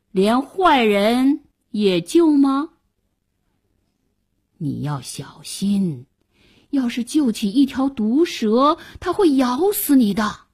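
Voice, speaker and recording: A woman voicing a wise, mysterious old grandfather who speaks slowly, in a warning tone. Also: fairly high pitch, a little mellow, husky, full character voice.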